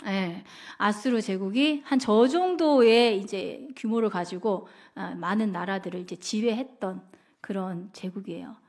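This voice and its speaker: A woman's voice: mid-range voice, measured pace, darkish tone. A woman evangelist teaching a Bible class in a casual, conversational way, constantly asking her listeners questions. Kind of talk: interactive Bible lesson.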